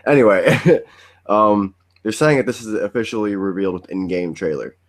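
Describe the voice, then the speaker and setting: A man's voice: on the low side, normal speed. A man in his twenties co-hosting a podcast, chatting in a laid-back, joking way. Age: 20s. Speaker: podcast co-host. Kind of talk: casual chat.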